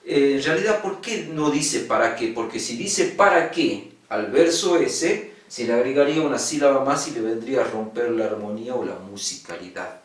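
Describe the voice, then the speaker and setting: Patiently explaining poetic meter in an online class, a male secondary school teacher repeats key vocabulary and checks that students follow. He talks at normal speed with a medium pitch, and the distant, off-mic recording has echoey room sound.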